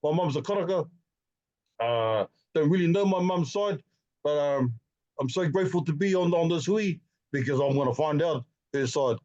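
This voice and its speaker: Hesitant Māori New Zealand man, slightly high-pitched. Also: expressive, moderate pace, a little mellow, lo-fi sound. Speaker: participant introducing his family. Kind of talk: casual bilingual family introduction.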